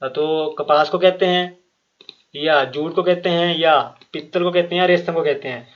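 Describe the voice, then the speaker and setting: A man's voice: fairly high pitch, measured pace. A man teaching an exam-prep quiz lesson, reading each question and its options aloud, repeating them, then explaining the answer with fillers and restarts. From Himachal Pradesh. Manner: frequent fillers and restarts, addresses viewers directly. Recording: muffled lo-fi recording.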